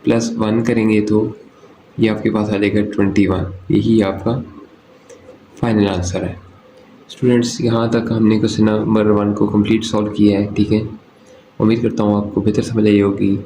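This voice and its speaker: A man from Pakistan teaches a maths lesson step by step in a warm, lowish voice with little pitch movement and normal speed. He asks and answers his own questions and often checks with "okay." The recording has a roomy echo and faint background noise.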